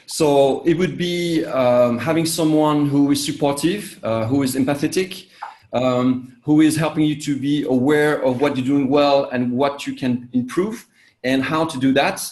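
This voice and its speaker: Speaking English in an interview, this executive coach, Vietnamese-born and French-raised, stumbles through his answers with frequent "uh"s and restarts. His voice is mid-pitched and a little mellow, captured in an echoey, reflective room.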